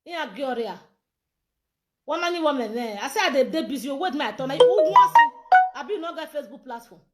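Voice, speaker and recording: A Nigerian woman, a campaign organizer speaking her mind, delivers a live social media monologue in a high-pitched voice with lively intonation and a brisk pace. She's heated and insistent, repeatedly demanding to be heard, while loud music plays behind her.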